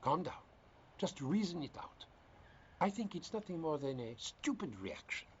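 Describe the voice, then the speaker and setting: A man plays a cold, scheming politician who brushes off worry and keeps tight control. His delivery is smooth, with a lively rise and fall. The dubbed film audio is dull and lo-fi, with a faint hiss. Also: fairly high pitch, normal speed, lightly acted. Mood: controlling. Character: calculating middle-aged male politician, cold and controlling.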